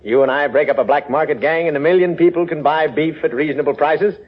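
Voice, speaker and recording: Gruff american police inspector, 1940s radio acting, husky, higher voice, dull old recording. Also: male voice, quick pace. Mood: grudgingly amused.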